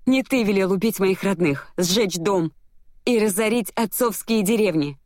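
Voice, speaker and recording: Woman voicing a shrill furious young woman. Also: normal speed, darkish tone, no echo, clean studio sound, natural voice. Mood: pleading. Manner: shrill and desperate, lashing out. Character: furious, grief-stricken young woman, defiant. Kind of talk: audiobook character voice.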